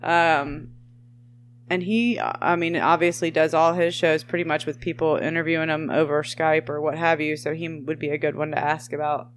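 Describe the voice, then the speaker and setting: A woman's voice: sits low, steady tone, normal speed, slight background noise. A woman co-hosting a podcast, chatting casually in a rambling way with trailing starts. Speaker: podcast co-host. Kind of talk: casual chat.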